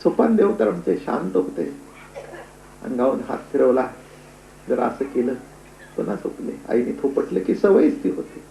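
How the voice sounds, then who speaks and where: A man preaching a devotional storytelling sermon, dramatic, swinging between hushed and loud. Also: medium pitch, sing-song, normal speed, creaky, long pauses, roomy sound, slight background noise, low-quality recording. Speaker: kirtan preacher.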